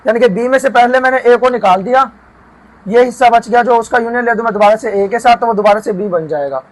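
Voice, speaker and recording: A man teaching math, walking through a proof and slowing down to dictate each formula term by term. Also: very high-pitched, rough recording. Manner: often checks in with "theek hai". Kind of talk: lecture explaining a proof.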